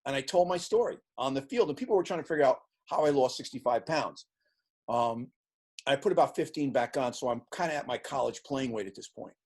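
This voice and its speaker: Husky older man telling stories. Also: medium pitch, a little fast. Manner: animated storyteller acting out quoted voices. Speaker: interview guest, sports team executive. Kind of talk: casual storytelling in an interview.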